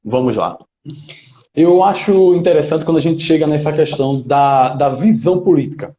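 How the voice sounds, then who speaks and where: Roomy-sounding young Pernambucan man, mellow. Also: on the high side, lively intonation, moderate pace, a little hiss or hum. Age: 20s. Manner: emphatic, speechmaking, leans on "né?" tags. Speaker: local political pre-candidate interviewee. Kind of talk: earnest interview answers. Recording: roomy, slightly dull lo-fi sound.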